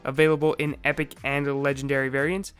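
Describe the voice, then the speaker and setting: A man with a slightly raspy voice, recovering from a sore throat, methodically narrating a scripted video game explainer. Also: mid-range voice, flat delivery, brisk, fairly bright tone, faint music behind.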